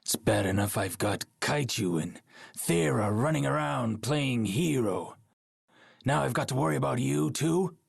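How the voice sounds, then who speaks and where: An actor playing a proud, paranoid warrior king in a game cutscene, with a gravelly, husky voice and an imperious, scornful manner. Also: medium pitch, animated, dry recording, clean studio sound, heavily acted. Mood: cold, dismissive. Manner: imperious, scornful, slow and deliberate. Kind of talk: dramatic video game cutscene acting.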